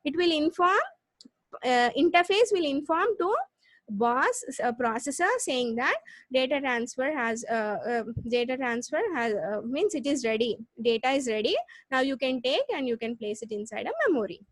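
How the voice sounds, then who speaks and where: A woman with a South Indian accent teaching a live online class, explaining step by step with repeats and halting restarts. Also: high voice, animated, no room sound. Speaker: computer science lecturer. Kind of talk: live online lesson with check questions.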